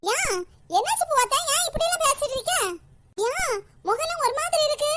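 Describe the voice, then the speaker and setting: A woman voicing a nosy, talkative old village woman with a Kanyakumari Tamil accent in an animated cartoon, pressing with questions. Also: very high voice, normal speed. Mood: prying. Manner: prying, insistent questioning.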